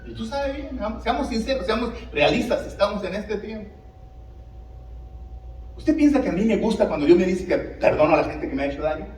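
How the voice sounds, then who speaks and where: Pastor, male, lively high voice, preaching in a church, roomy and a bit distant from the mic. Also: fairly quick. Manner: animated preaching with rhetorical questions to the congregation. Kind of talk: sermon. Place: church sanctuary.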